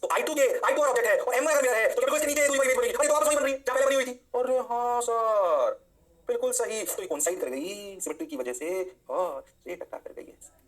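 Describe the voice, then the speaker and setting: A man teaching an energetic physics lecture, often answering his own questions in a student's voice. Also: very high-pitched, very fast. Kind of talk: online lecture.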